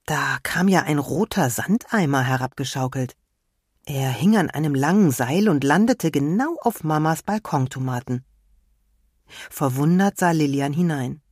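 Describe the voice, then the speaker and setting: A woman reading a children's story aloud in a lively, expressive way. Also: sits low, unhurried, breathy edge, no room sound, studio quality.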